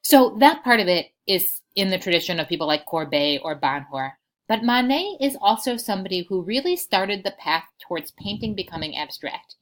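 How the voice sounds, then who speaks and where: A woman's voice: medium pitch, very animated, moderate pace. A young adult woman teaching an art lesson in an informal, explanatory way, a little out of breath. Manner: explanatory, informal, says y'all. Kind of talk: recorded lecture review.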